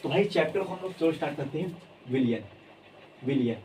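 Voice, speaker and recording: High-voiced, animated Hindi chemistry teacher. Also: male voice, brisk, distant mic, slight background noise, poor audio. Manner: animated, repeats key terms, coaxing students. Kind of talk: energetic classroom lecture.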